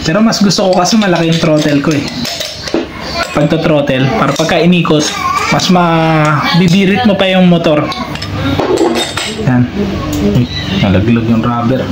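Working hands-on at a table indoors, a Filipino motorcycle DIY vlogger whose sex is unclear walks viewers casually through each step. Speech is medium-pitched at normal speed with frequent pauses, over roomy audio filled with loud noise and clinking metal parts.

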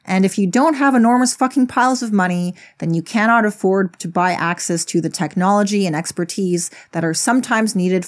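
A woman giving a casual spoken video essay, blunt and sarcastic, with frequent swearing. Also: fairly low pitch.

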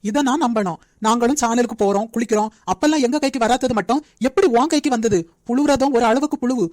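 A woman voicing a cheeky teenage younger brother in a cartoon, mocking and needling fast. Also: on the high side, darkish tone, dry recording, studio quality, close to an everyday voice. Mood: teasing.

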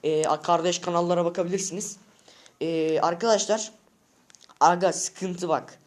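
A high-voiced male vlogger rants at his viewers from home, agitated and emphatic. He piles on slang and circles back to the same short lines over and over, talking casually and off the cuff. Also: fairly even intonation, normal speed. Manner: agitated, keeps repeating short phrases and calling out to viewers. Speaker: vlogger addressing subscribers. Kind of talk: unscripted casual vlog rant. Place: at home indoors.

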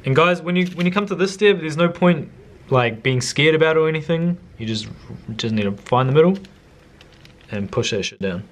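A man's voice: fairly high pitch, animated, normal speed. Laid-back young man demoing a recipe. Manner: laid-back, slangy, chatty. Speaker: cooking vlogger. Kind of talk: casual cooking demonstration. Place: home kitchen, indoors.

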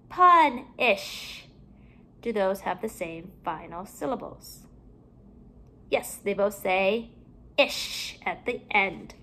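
A woman teaching a phonics lesson to young children from home, saying each word slowly and with careful, stretched-out enunciation. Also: mid-range voice, fairly bright tone.

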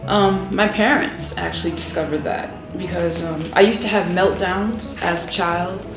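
A middle-aged singer from Rhode Island, USA, chats casually as an interview guest, filling her speech with ums and laughter. Her voice is on the low side at a normal speed, with music playing behind her and the roomy echo of the indoor hotel room where she's recorded.

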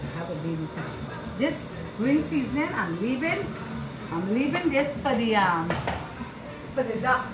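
This Trinidadian woman, roughly sixty and from the south of the island, has a fairly high, sing-song voice and talks at a moderate pace. She demonstrates her cooking casually in her home kitchen, chatting warmly and repeating herself, while music plays and the room echoes.

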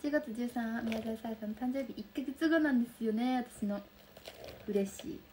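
Young woman, soft Kansai accent, livestream chat, fairly high voice, faint hiss behind. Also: moderate pace. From Kansai region of Japan. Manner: soft, bubbly, chatty with frequent laughs. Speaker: livestream host. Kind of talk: casual livestream chat reading viewer comments. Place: room lit by daylight.

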